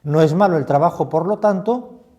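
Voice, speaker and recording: A man's voice: fairly high pitch, normal speed, warm tone. A man, a priest leading a retreat meditation, reflective and putting many questions to the listener.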